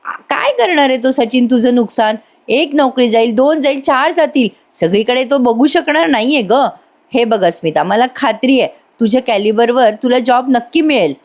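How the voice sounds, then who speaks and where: A woman voicing a middle-aged father who speaks gently and reassuringly, in her own voice. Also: a little high, lively intonation, moderate pace, voice pushed up. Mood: soothing.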